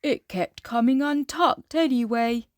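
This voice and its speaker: A woman's voice: high-pitched, measured pace, no room sound, studio quality. A woman voicing a kind, proud male giant from a storybook in a hearty, emphatic, singsong way.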